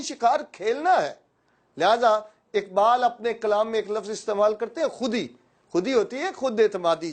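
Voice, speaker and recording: High-voiced man telling a motivational story. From Pakistan. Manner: lively storyteller with playful asides to listeners. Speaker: educator giving a talk.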